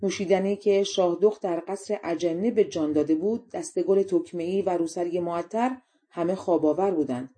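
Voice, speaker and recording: A woman narrating a fairy tale audiobook in a calm, even storytelling manner. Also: on the low side, husky.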